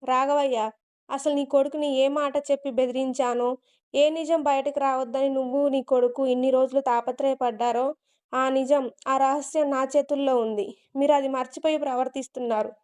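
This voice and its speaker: A woman's voice: high-pitched, steady tone, moderate pace, darkish tone, clean tone, natural voice. A woman reading the lines of a spiteful, scheming young wife in a storybook narration, taunting and scornful. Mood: threatening.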